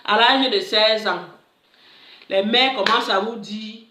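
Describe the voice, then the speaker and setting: A woman's voice: medium pitch, measured pace, reverberant, a little hiss or hum. A woman, a life coach, telling a personal story in a casual vlog and acting out the dialogue. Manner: animated, acts out dialogue, many interjections.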